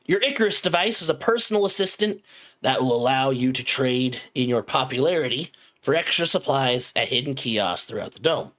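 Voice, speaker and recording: A game master voicing a gruff, bored male lizardfolk captain who grumbles and curses impatiently. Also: mid-range voice, expressive, moderate pace, fairly bright tone, natural voice.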